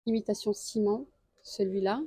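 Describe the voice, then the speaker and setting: A woman, a deal-hunting vlogger, walks through a store aisle and lists prices and sizes. She speaks in a chatty way and pauses often. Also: medium pitch, fairly even intonation, dark tone, breathy edge, dry recording. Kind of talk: casual store walkthrough. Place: home improvement store aisle.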